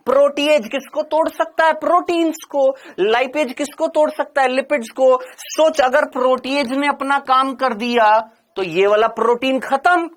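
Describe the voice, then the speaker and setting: A man's voice: extremely high pitch, fairly bright tone. A male biology teacher giving an exam-prep lecture. He asks and answers his own questions and teases his students in a playful, scolding way. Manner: addresses the student as "my brother".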